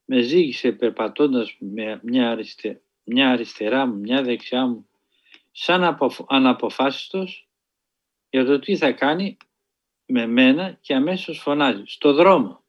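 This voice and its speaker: Man, preacher, earnest sermon storytelling, measured pauses, mid-pitched, slightly muffled lo-fi sound. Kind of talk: sermon-style spiritual storytelling.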